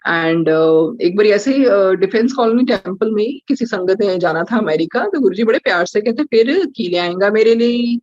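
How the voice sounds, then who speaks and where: A woman's voice: medium pitch, expressive, moderate pace, hardly any pauses, a little mellow, dry recording. A middle-aged woman giving a devotional testimony, mixing Hindi and English with many hesitant fillers. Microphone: video call. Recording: dull, dry video call audio.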